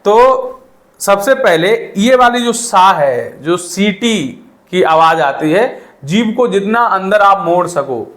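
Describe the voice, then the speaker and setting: A man teaching a reading lesson, drawing out each letter sound slowly and checking in with repeated "okay". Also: sits high, animated, fairly bright tone, roomy sound. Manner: slow, drawn-out letter sounds with repeated "ठीक है". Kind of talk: spoken Hindi reading lesson.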